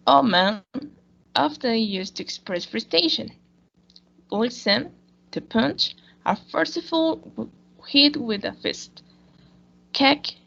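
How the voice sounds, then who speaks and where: A woman with a slightly high, gravelly voice reads a school presentation aloud slowly and carefully, pausing to restart words. The recording sounds dull and lo-fi.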